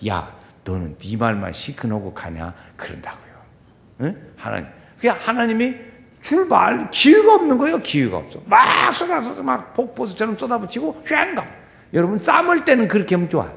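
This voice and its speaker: A male pastor preaching a sermon, dropping to quiet murmurs and rising to shouted pleading as he acts out prayers. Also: very high voice, wildly swooping pitch, a little fast, creaky, big-room sound.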